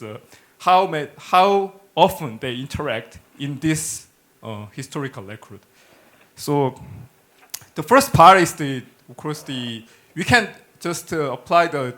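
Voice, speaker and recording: Korean-accented man giving a lecture, slightly high-pitched. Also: a bit bright. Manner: halting, repeats words while searching for phrasing. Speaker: academic researcher presenting a lecture. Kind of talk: technical conference lecture with slides. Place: indoor lecture hall, speaking at a podium.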